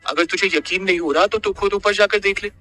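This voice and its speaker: A man voicing a blunt young friend in an audio story, speaking briskly. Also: sits high, fairly even intonation, pushed and bright, voice pushed up.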